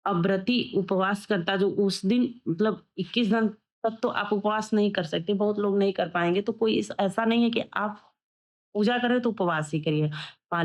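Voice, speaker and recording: A woman giving step-by-step devotional instructions, direct and repetitive as she explains a worship ritual. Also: on the low side. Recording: dull lo-fi sound.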